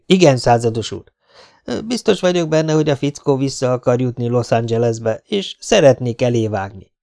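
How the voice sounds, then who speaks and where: A man voicing a hard, hostile male agent in an audiobook, gruff and commanding. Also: medium pitch, lively intonation, a little mellow. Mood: insistent. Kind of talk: audiobook character voice.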